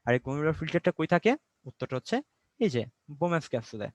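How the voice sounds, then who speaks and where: A man's voice: on the high side, animated, rapid-fire, no room sound, muffled recording. A young man from Bangladesh teaching an online biology class, explaining step by step, asking and answering his own questions and mixing in English words. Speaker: biology tutor.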